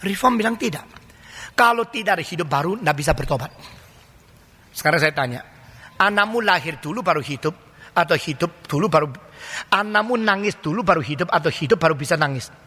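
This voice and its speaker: A man's voice: on the high side, expressive, brisk, long pauses, bright, forceful tone, breathy edge. An older man preaching a sermon as a pastor, emphatic and full of rhetorical questions. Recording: long reverb of a large hall.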